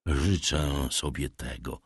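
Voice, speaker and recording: A man voicing a troubled father, gentle yet firm, in an audiobook. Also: very deep voice, slow pace, husky, no room sound, studio quality, voice pushed down, full character voice. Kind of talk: audiobook character reading.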